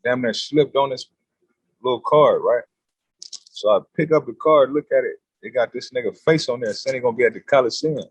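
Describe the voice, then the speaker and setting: A man telling a story as a podcast guest in casual street slang, animated and blunt. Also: mid-range voice, brisk, husky, dry recording, poor audio. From California.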